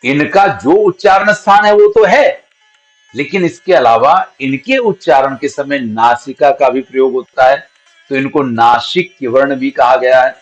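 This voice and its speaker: A male teacher working through a grammar lesson, pronouncing syllables one at a time to show how each is formed. He speaks at a mid pitch, and the recording is dull and lo-fi. Soft instrumental music plays faintly underneath. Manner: explains patiently, sounds out each syllable slowly as an example.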